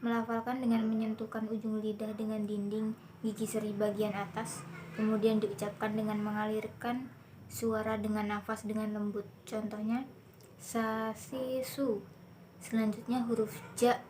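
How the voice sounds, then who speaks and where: A young woman presenting a recitation lesson, slowly and carefully sounding out each letter. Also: mid-range voice, completely flat delivery, darkish tone, slight background noise, low-quality recording.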